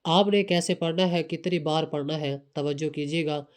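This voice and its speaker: A man's voice: a little high, fairly even intonation, smooth. A man with a Pakistani Urdu accent giving earnest, repetitive step-by-step devotional instructions. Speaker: religious instructor.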